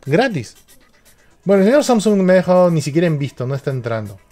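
A man's voice: sits high, very animated, quick pace, dark tone, soft background music. A man, a tech streamer chatting casually on a live stream and joking as he reads out viewer questions.

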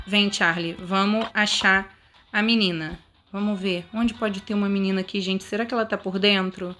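A woman with a Brazilian Portuguese accent giving excitable let's-play commentary, full of dramatic exclamations and asides to her viewers. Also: medium pitch. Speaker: gaming video creator.

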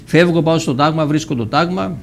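An older man recounts his past as an interview guest, slipping into the voices of the people he quotes and restarting words now and then. His voice sits a little high for a man, and a faint noise hangs behind it. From Cyprus. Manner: vivid storyteller who acts out quoted dialogue, with frequent restarts. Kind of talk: personal storytelling in a TV interview.

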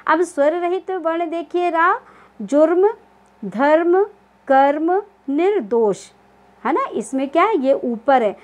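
A woman teaching a primary school Hindi lesson, patient and repetitive, often checking that pupils understand and sounding out word lists slowly. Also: high voice, animated. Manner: slow, spelled-out syllables in word lists. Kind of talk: online class lesson.

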